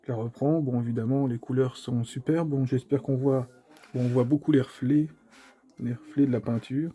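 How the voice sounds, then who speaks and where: A man's voice: mid-range voice, steady tone, normal speed, dark tone, slightly rough. A man presenting a collectible figure at home in a rambling, self-mocking way, repeating his words. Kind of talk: casual unboxing chat. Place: home room, family heard in the background.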